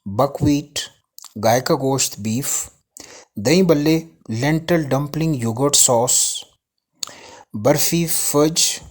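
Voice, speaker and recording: Casual teacher: a man from Pakistan, mid-pitched voice, reading vocabulary lists in an easygoing, unhurried way. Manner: reads word lists with fillers and restarts. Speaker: English teacher.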